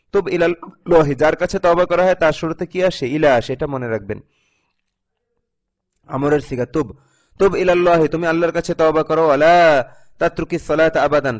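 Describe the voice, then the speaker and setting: An Arabic teacher with a slightly high voice records a grammar lesson, reading example sentences aloud. He translates and explains them step by step, occasionally correcting himself.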